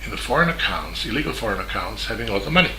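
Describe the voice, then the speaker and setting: Serbian-accented male journalist, lowish pitch, very bright, halting delivery with many pauses; echoey room, faint ambience. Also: sing-song, a little hiss or hum. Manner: halting, with many fillers and restarts. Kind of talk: spoken statement.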